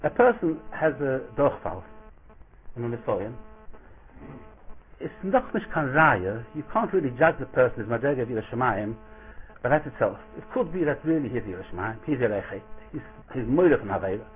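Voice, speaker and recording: A man with a Yiddish accent giving an informal Torah lecture as a rabbi, acting out dialogue and asking rhetorical questions in an animated storytelling way. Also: mid-range voice, a little fast. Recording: thin, phone-like radio-quality audio.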